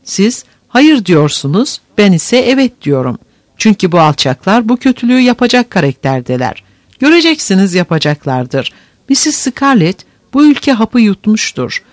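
A man's voice: high-pitched, big pitch swings, normal speed, no room sound. A man doing an indignant young farmhand. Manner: grave, indignant. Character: earnest young farmhand, bitter and blunt.

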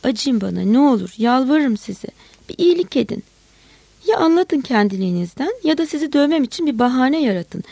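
A woman voicing a frustrated male policeman who pleads and then shouts angrily. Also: high voice, very animated, brisk, gravelly, dry recording, voice pushed up, exaggerated voice. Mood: pleading. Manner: wheedling, then shouting curses.

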